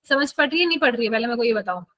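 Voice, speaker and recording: High-pitched teacher lady, dry close mic, keeps asking if the class gets it, online class. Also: expressive, very fast, a bit bright, dry recording, rough recording. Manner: chatty, checks in with students often. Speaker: biology teacher. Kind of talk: live online class lecture.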